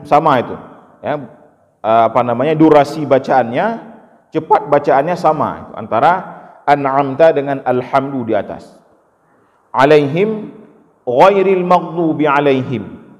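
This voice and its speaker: A man teaching a class how to pronounce each word of a recitation correctly. He patiently explains each sound, then chants the word slowly as a model. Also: medium pitch. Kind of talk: step-by-step recitation lesson. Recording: long hall reverb.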